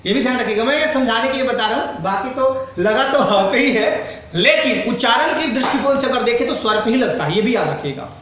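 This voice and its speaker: A man's voice: very high-pitched, animated, fairly quick, hardly any pauses, fairly bright tone, heavy reverb, far from the mic, dull audio. A male Hindi teacher giving a grammar lesson to a class, asking questions often and acting out students' doubts. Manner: acts out students' doubts in quoted asides.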